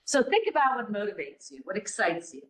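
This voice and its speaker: Speaking without a microphone to a live classroom audience, a middle-aged woman who directs a program encourages students informally and poses many rhetorical questions. Her medium-pitched voice is very animated and a little fast, captured in a low-quality room recording.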